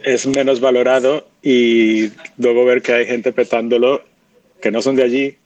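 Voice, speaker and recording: A man's voice: medium pitch, level tone, measured pace, darkish tone, no room sound, dull audio. A man in a recorded interview clip, reflecting at length in a rambling way.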